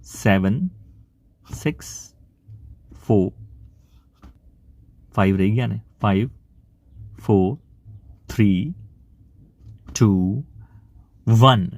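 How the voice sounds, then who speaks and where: A man's voice: on the low side, no room sound. A male teacher with a Gujarati accent running a beginner English vocabulary lesson. He says each word aloud several times and counts down the practice time. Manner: repeats each word slowly and loudly, counts down.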